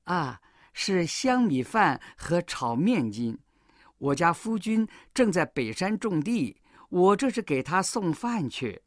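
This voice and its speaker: A woman's voice: lowish voice, sing-song, slow pace, dry recording, studio quality, heavily acted. A woman voicing a sly female demon disguised as a village girl, sweet-talking and coaxing.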